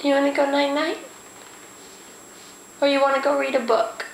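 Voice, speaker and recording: Woman, high voice, slow coaxing baby talk, home video, echoey room, faint background noise. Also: flat delivery, vocal fry. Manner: slow, sing-song, coaxing questions with praise. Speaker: parent quizzing a toddler.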